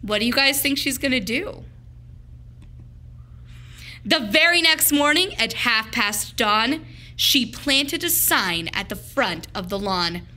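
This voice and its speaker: A teacher shares a picture book with children, reading it in an emphatic and expressive manner at a deliberate pace. The woman's voice runs on the high side.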